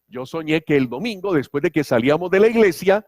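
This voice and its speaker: A man's voice: fairly high pitch, lively intonation, fast talker, dry recording, natural voice. A man putting on a sweet, wheedling wife. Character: excited wife dreaming of a birthday gift.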